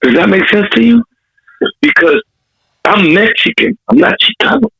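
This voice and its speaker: With a high, sing-song voice that's gravelly, husky, and fairly bright, this Compton rapper speaks at normal speed on a low-quality recording. He tells animated stories in a casual interview, with an urban Los Angeles accent, street slang, and plenty of swearing.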